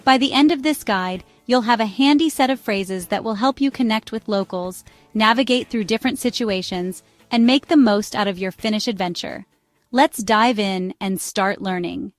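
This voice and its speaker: Bright tutor woman, upbeat and clear, repeats phrases slowly. Dry close mic, faint music bed. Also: mid-range voice, no room sound. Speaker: language tutor. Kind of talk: scripted travel phrase lesson.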